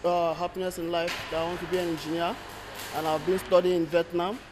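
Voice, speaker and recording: Earnest young man, high voice. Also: flat delivery, brisk, music in the background. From Nigeria. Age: 20s. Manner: earnest, hesitant, searching for words. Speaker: student. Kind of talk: interview answers. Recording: noisy outdoor ambience.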